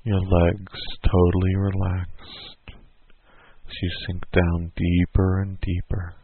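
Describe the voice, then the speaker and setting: A man slowly guiding a listener through a hypnosis induction in a soothing, repetitive way. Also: sits low, monotone, husky. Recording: tinny phone-like sound.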